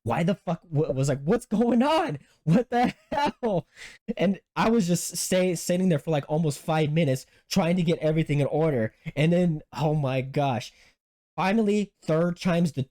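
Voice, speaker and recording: A lively story comes from a podcast host in easygoing chat, told at moderate speed. He swears heavily, starts over many times, and his voice jumps high when he quotes himself.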